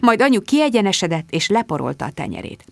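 A woman's voice: medium pitch, big pitch swings, vocal fry, dry recording. Wry woman narrating an audiobook. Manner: wry, confiding first-person diary tone.

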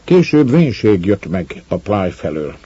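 A man reading an audiobook narration in a slow, measured way. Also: low voice, very animated, dark tone, breathy edge, no echo, muffled recording.

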